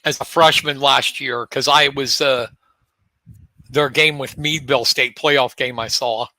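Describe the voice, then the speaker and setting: A man co-hosts a local high school sports talk show, chatting in a relaxed, unhurried way while leading the rundown of teams. There's no echo.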